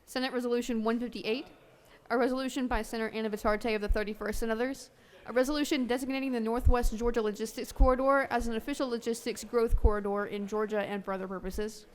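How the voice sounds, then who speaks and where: A woman serves as a legislative clerk, reading formal documents aloud. Her voice sits a little high and she moves through the text at a fast clip. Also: steady tone, rough recording. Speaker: legislative secretary.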